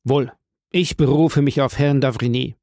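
A man's voice: mid-range voice, steady tone, normal speed, a little mellow, dry recording, studio quality, lightly acted. A man voicing a passionate, grief-stricken young man who speaks in fervent, insistent repetitions. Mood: accusing.

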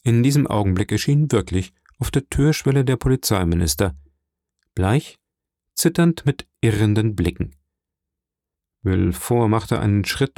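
Low-voiced male audiobook narrator. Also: mellow, no room sound, studio quality. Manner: measured, storytelling. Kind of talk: scripted narration.

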